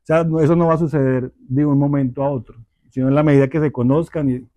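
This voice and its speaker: A man teaching a church parenting class, speaking in a measured, deliberate way and often checking in with his listeners. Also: a little high, fairly even intonation, warm tone, dry recording. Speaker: Bible study teacher.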